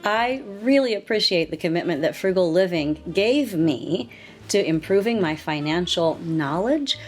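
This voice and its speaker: A woman in her sixties hosting her own channel, talking to camera in an earnest, gently encouraging way. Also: on the low side, lively intonation, unhurried, faint music behind. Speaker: lifestyle channel host. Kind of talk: casual talk to camera.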